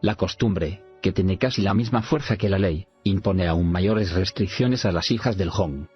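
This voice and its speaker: Man reading a solemn, honor-bound warrior noble, very deep voice, slightly dull recording with faint music underneath. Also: unhurried.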